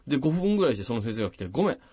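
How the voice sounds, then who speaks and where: A radio host on a late-night show casually tells a long personal story, animatedly acting out the people's voices with big pitch jumps. He talks very fast in a slightly rough voice, captured dry on a studio microphone.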